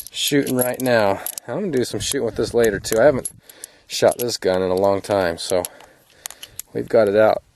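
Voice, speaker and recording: Recorded on a camera mic with slight background noise, a video host with a mid-range voice talks to the lens at an outdoor shooting spot. His running commentary is casual, enthusiastic and chatty, with plenty of pauses.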